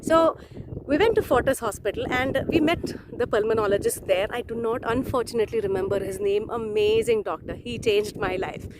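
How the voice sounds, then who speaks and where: Expressive woman telling a story, higher voice. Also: brisk. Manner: expressive, emphatic storyteller acting out quotes. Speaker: NLP coach. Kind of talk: personal storytelling to camera. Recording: noticeable background noise.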